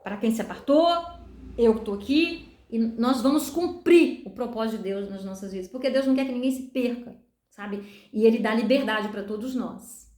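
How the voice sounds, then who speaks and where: A middle-aged woman pastor with a Brazilian Portuguese accent shares a personal testimony in a candid, conversational devotional style. Her voice sits high, and she keeps turning to her listeners to check they follow. The recording has a roomy echo. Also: warm tone.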